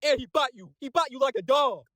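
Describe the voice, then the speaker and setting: A man voicing an angry, betrayed young male hero who yells accusations in a high, strained voice during a comic recap. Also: lively intonation, brisk, dry recording, heavily acted. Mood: furious.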